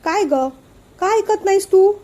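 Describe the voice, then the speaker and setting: A woman's voice: high-pitched, normal speed, mellow, muffled recording, lightly acted. A woman voicing a short-tempered elderly father who lectures and scolds his daughter in a storybook reading. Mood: scolding.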